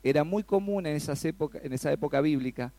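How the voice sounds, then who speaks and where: An Argentine man preaches with a gravelly, fairly high voice. He gets animated, throws questions at his listeners and leaps up in pitch when he acts out a plea. The sound is dry and close, with no room echo. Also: fast talker. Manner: animated, rises sharply when acting out pleas; asks the congregation questions. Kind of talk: sermon.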